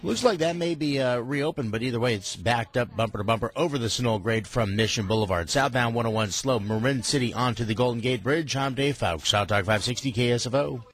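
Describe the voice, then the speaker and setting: A man's voice: medium pitch, fairly quick, hardly any pauses, breathy edge. A man giving a live traffic report on the radio.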